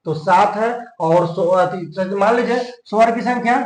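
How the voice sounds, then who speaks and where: A man's voice: sits high, a little slow, roomy sound, low-quality recording. A young adult man teaching Hindi grammar from slides, asking questions and answering them himself, repeating key points and stretching vowels to show their length. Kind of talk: classroom lesson explaining slides.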